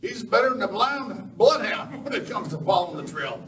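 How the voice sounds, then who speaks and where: A man's voice: sits high, sing-song, normal speed, a bit bright. A man playing a folksy, talkative Old West sheriff full of cowboy slang in an amateur live radio play. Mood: jovial, curious. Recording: roomy, distant, noisy live recording.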